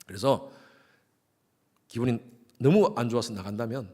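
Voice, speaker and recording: A man in his sixties preaching a sermon in church, lively and acting out quarreling couples. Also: mid-range voice, normal speed, husky. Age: 60s. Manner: lively, acts out quarreling couples in quoted lines. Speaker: pastor.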